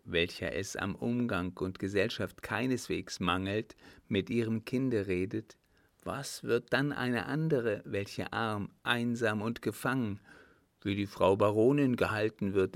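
A man voicing a calm, composed servant and former soldier who answers with quiet mockery in an audiobook reading. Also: fairly low pitch, measured pace, creaky, no room sound. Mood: cool mocking. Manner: calm, composed, faintly mocking. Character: cool-headed male ex-soldier servant, calm and mocking.

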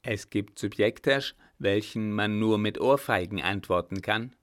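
A man reading an audiobook, voicing a blunt, commanding old field marshal who speaks loudly and curtly. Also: on the low side, unhurried, lightly acted. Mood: scornful. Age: older. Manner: loud, curt, scornful.

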